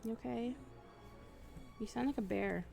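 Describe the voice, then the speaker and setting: A woman's voice: on the high side, measured pace, gravelly, mellow. A woman streaming live, chatting casually as she plays, cooing at her pets and swearing freely. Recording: music playing under the voice. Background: background music.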